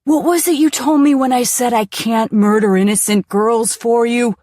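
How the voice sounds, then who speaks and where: A woman voicing a calm, menacing male captor who mocks his prisoners. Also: a little high, normal speed, no echo, clean studio sound, voice pushed up, lightly acted.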